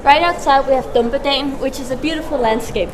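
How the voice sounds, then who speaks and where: A woman's voice: sits high, fast talker. A young woman from Switzerland, a student giving a scripted school tour in a welcoming way. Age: young adult.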